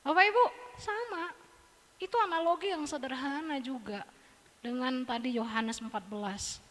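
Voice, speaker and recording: Lady preacher, high bright voice, lively and joking, church echo. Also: moderate pace. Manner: animated, humorous, acts out voices. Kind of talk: sermon. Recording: church hall reverb.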